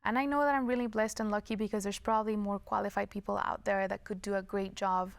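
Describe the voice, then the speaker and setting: Female interviewee, political candidate, earnest explainer, creaky texture, very dry close sound. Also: mid-range voice, steady tone, fast talker, no room sound.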